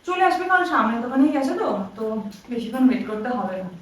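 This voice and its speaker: A young woman with a high voice talks chattily and teasingly, her voice pushing back sharply when questioned. She is recorded from across a very echoey room, with a faint hiss underneath. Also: very animated, rapid-fire, distant mic. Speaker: vlogger pranking her husband. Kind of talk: casual vlog chat and staged phone call.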